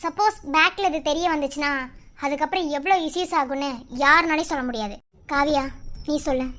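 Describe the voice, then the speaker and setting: A woman's voice: high-pitched, a little fast, bright, forceful tone. A woman voicing a stern elder sister in a cartoon, lecturing insistently in a Madurai Tamil accent. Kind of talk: cartoon voice acting.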